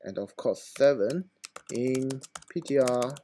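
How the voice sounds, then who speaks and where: A hoarse man who is losing his voice, talking through a screen-recorded computer tutorial in a halting, informal way with many fillers. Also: medium pitch, warm tone, a little hiss or hum.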